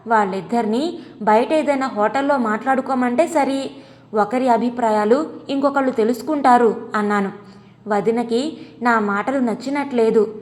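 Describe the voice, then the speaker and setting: A woman reading a comic audio story aloud in the first person, expressive and scripted. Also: on the high side, normal speed, big-room sound. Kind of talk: scripted comedy story narration.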